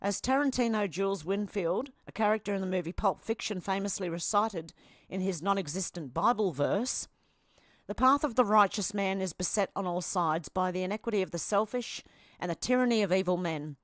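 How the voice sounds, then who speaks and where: A woman's voice: mid-range voice, expressive, fairly quick, no room sound, clean studio sound. An Australian woman commenting on online posts, reading them aloud with blunt, sarcastic asides. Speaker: commentary vlogger.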